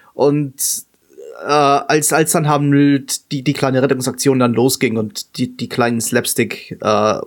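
Stammering man in podcast chat. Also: medium pitch. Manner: stammering repeats while searching for words. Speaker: podcast co-host. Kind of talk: casual chat.

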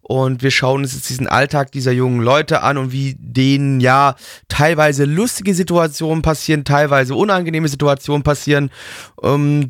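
A man's voice: mid-range voice, no echo, studio quality. A young man co-hosting a casual anime review, bantering in a crude, mocking, slangy way. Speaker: co-host of an anime review talk.

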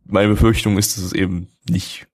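A man's voice: low voice, little pitch movement, moderate pace, breathy edge. A man hosting a casual anime discussion on a live stream, arguing his point hesitantly and circling back to restate it.

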